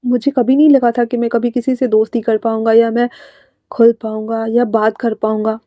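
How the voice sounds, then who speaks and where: A woman voicing a calm, affectionate young man who speaks softly and low, in a dry, slightly muffled recording. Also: moderate pace, dry recording, natural voice. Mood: tender. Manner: soft, low and hushed.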